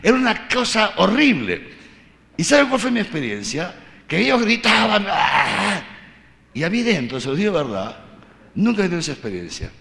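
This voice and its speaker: A bishop gives an animated storytelling catechesis in a large hall with a long reverb. His voice is high and bright with a gravelly edge. He breaks into loud shouts to act out an angry crowd. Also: fairly quick. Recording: reverberant hall, mic at a distance.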